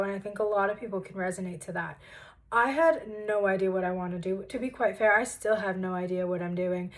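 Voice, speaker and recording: A woman in her twenties telling her story in a casual vlog from her childhood bedroom, chatty and self-deprecating with animated asides. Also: mid-range voice, rough recording. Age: 20s. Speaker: vlogger.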